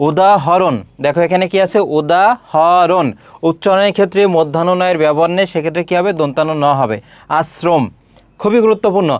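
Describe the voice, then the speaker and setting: High-voiced man drilling grammar examples. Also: fast, no echo, dull audio. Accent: Bangladeshi Bengali. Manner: asks and answers his own questions, drawing out example words. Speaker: teacher. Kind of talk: exam-prep grammar lecture.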